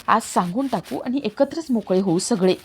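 A woman's voice: a little high, animated, normal speed, slightly rough, full character voice. A woman reading defiant heartbroken young woman, Kavya. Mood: insistent. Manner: emotional, insistent. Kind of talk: dramatic read-aloud of serial dialogue.

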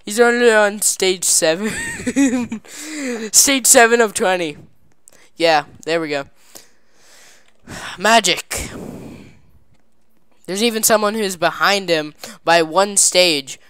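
Woman, casual gameplay commentary, goofy playful phrasing, smooth clear voice, dry close sound. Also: medium pitch, takes it slowly, long pauses, no room sound. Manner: excited squealing "yay" cheers and laughter. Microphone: desk microphone.

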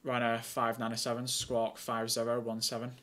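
A young man streaming as an air traffic controller, chatty and excitable between calm, clipped radio instructions. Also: medium pitch, moderate pace, a crowd in the background. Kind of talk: casual streaming chat and radio calls.

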